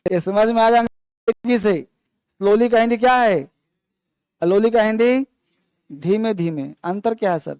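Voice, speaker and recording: A man's voice: sits high, normal speed, pauses often, darkish tone, smooth, no room sound. A man teaching an online English grammar class, explaining patiently and mixing with English words. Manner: patient explaining, mixing Hindi and English, calls students beta and babu.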